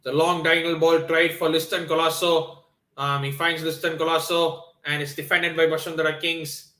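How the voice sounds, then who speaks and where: A Nepali man with a somewhat high voice hosts a football watchalong stream, speaking at a moderate pace in a roomy-sounding space. His first language isn't Hindi, and he's excitable, commenting on the match and answering viewers with plenty of fillers and restarts.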